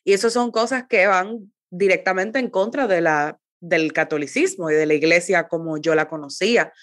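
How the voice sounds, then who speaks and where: A woman from the Republic, interviewing a guest in a thoughtful, halting way. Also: fairly low pitch, dry recording, studio quality. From Dominican Republic. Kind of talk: interview conversation.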